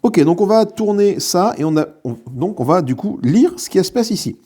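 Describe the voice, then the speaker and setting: A man's voice: high-pitched, animated, moderate pace, mellow, husky. A man hosting his own board game channel, giving casual, chatty commentary on a solo playthrough with lots of hesitations and self-mocking asides. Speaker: board game video host.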